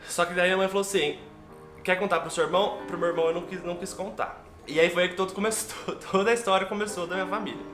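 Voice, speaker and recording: A young man with a Brazilian Portuguese accent, a vlogger, shares a personal story with his viewers in a heartfelt, emotional way. His voice is high and steady at a quick pace, recorded in an echoey room with background music.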